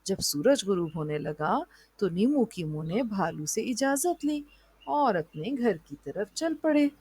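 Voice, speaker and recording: Slow breathy woman telling a story. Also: mid-range voice. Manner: slow, even storybook reading. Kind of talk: children's story narration.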